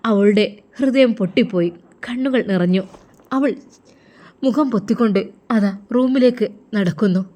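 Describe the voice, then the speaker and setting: A woman storyteller narrates in an emphatic, emotional way. Her voice sits at a middle pitch. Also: normal speed, pauses often, dark tone.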